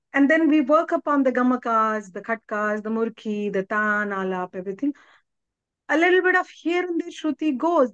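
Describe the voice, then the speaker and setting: A middle-aged woman with an Indian English accent talks as a vocal coach in an interview, her voice sitting high. She explains voice technique patiently and breaks into small demonstrations. The sound is dry and a little muffled. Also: no room sound. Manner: explains with sung and spoken demonstrations. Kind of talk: interview conversation.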